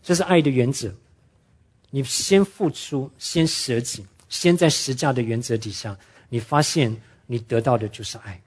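A man preaching a sermon, telling stories earnestly and slowing down to stress his main points. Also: mid-range voice, slightly rough. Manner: earnest storytelling preacher, drops English words into speech; slows down and drops his voice to stress key points. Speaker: pastor.

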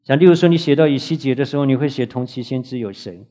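Man, Bible teacher, classroom lecture, earnest, asks the class questions, mid-pitched voice. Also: fast, warm tone. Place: classroom with students.

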